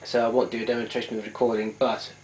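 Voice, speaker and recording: This vintage tape recorder hobbyist has a fairly low, darkish voice with flat delivery, and he talks rapid-fire. He demonstrates his machine informally and hands-on, explaining with hesitation and many self-corrections. Clicks and noise are clearly audible in the recording.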